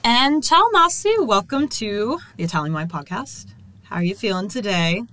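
A woman's voice: medium pitch, animated, moderate pace, sharp tone, rough recording. A woman hosting a podcast, reading a segment and then chatting with a guest, laughing often. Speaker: podcast host. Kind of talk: scripted segment and casual interview.

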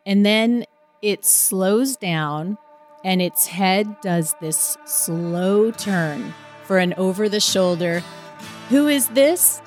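A woman with a slightly low voice tells a personal story in a lively, conversational way. She retells it vividly, and faint music plays softly behind her. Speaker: storyteller guest. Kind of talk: casual storytelling.

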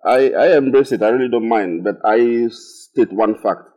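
A man from Cameroon speaking on a festival panel in measured, firm short statements. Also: medium pitch, warm tone. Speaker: writer on a panel. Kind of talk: live onstage conversation. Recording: dull, muffled audio.

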